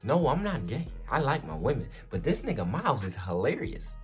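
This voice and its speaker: A man's voice: mid-range voice, sing-song, fairly quick, over music. A man giving a spoken intro, emphatically hyping up a friend.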